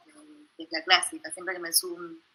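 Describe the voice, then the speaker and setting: A young woman with a Buenos Aires accent, a documentary filmmaker giving an informal, self-deprecating talk over a video call, halting with many restarts. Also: lowish voice, level tone, sharp tone, slightly rough, low-quality recording. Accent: Buenos Aires Spanish. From Buenos Aires, Argentina. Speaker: documentary filmmaker presenting her work.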